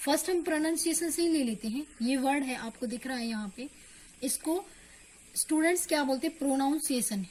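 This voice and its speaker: A woman's voice: sits high, brisk, darkish tone, a little hiss or hum. A woman teaching English pronunciation in Hindi with an Indian accent, patiently checking that her students follow. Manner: patient, keeps asking "clear?" to check understanding. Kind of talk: online spoken-English lesson.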